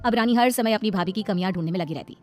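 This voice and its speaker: Woman narrator, fast, matter-of-fact storybook reading. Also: medium pitch, a little mellow, faint music behind.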